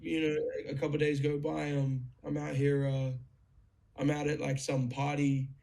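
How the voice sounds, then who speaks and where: Young man, gravelly, higher-pitched, casual storytelling, excitable, swears. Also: normal speed. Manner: excited, swears freely, lots of fillers. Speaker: guest musician.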